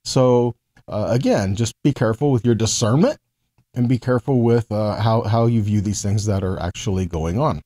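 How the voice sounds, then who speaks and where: An American man in his forties gives a conversational Bible teaching, explaining things step by step. His voice is lowish and dark-toned at a normal speed, and he keeps checking in with short tags like "okay" and "right."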